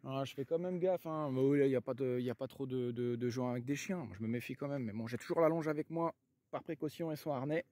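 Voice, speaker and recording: A man with a French accent chatting casually to viewers in a relaxed way while walking his dogs outdoors. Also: medium pitch, quick pace, no echo. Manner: chatty, relaxed, lots of fillers, shouts to his dog. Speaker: vlogger. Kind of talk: casual vlog chat. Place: outdoors on a country walk, then at his camper.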